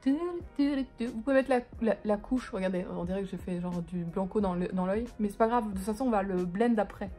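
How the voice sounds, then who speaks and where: A woman's voice: mid-range voice, a little fast, hardly any pauses, warm tone, faint music behind. A woman doing a casual makeup tutorial at home, chatty, rambling and self-mocking, with casual swearing. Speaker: beauty vlogger. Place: living room at home, on a couch.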